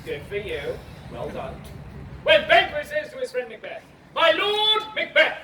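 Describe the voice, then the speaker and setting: A man telling a story to a live festival crowd as a comedy performance, giving his volunteers animated stage directions and shouting now and then. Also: very high voice, normal speed, a little hiss or hum. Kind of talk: live audience-participation comedy retelling. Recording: far-off echoey outdoor crowd recording.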